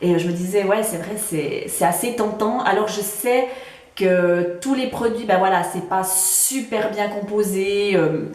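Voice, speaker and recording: A woman's voice: mid-range voice, unhurried, a little mellow. A woman with a Swiss French accent casually reviewing beauty products she has used up, with frequent fillers and restarts. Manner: hesitant, many fillers and restarts. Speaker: beauty vlogger. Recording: roomy echo.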